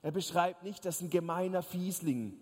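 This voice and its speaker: A man preaching a sermon, telling a story in an animated way and speaking straight to his listeners with jokes. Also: high-pitched, normal speed. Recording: long reverb of a large hall.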